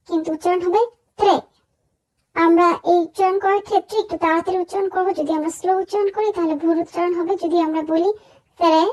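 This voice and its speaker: A woman's voice: extremely high pitch, a little mellow. A woman teaching pronunciation in a lesson, speaking carefully and repeating each word for practice. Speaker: language teacher.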